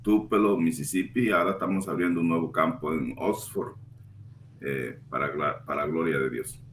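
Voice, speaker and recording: A deep-voiced man with a Cuban accent chats as a pastor on the radio, plain-spoken and relaxed. His voice sits in a roomy space with a faint hiss underneath. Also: normal speed. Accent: Cuban Spanish. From Cuba. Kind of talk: casual radio chat. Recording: roomy sound with faint background noise.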